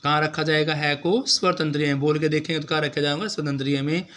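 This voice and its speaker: A man's voice: fairly high pitch, steady tone, quick pace, a bit bright. A man teaching an exam-prep lesson, asking each question aloud, answering it and repeating the answer back to his students. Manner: keeps addressing students directly.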